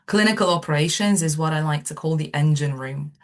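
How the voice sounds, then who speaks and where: Woman from Romania, middle-aged, low voice, recruiter presenting over a video call with frequent ums. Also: fairly quick. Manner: hesitant, many ums. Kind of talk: webinar presentation.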